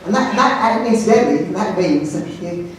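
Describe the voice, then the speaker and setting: Male headteacher with a London accent, animated anecdotal speaker; distant mic in a reverberant hall. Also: high voice, brisk, slight background noise. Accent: London English. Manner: jokey storyteller, animated, self-mocking. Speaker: headteacher giving a talk. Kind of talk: anecdotal presentation to an audience. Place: large hall with audience.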